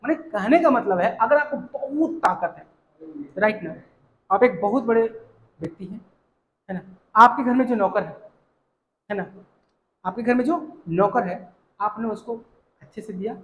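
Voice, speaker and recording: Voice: medium pitch, muffled recording. Teacher with in roomy room. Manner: reads English lines slowly, checks understanding with "clear?"; explains with everyday examples, filler "है ना". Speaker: English teacher. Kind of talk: explaining a textbook lesson line by line. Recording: roomy echo.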